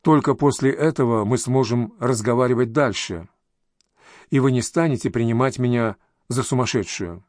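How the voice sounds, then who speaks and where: A scared young woman begging for help in a low, tense hush, read by a man in his own plain voice. Her lines sit a little lower and quieter than the narration around them, in a dry, close recording. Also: moderate pace, no room sound, natural voice. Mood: frightened. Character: frightened young woman fleeing danger.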